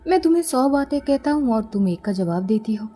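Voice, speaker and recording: A woman's voice: on the high side, expressive, fairly quick, dark tone. A woman voicing a short-tempered young man who is a pushy fiancé, talking in an irritated, insistent way while telling a story. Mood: annoyed. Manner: irritated, insistent, raises his voice. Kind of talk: storytelling with character voices.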